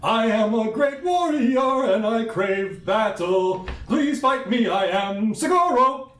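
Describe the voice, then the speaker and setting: A man voicing a boastful, battle-hungry male tree-spirit warrior who talks slowly and grandly. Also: expressive, a bit bright, roomy sound, exaggerated voice. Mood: eager. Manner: booming, slow and grandiose.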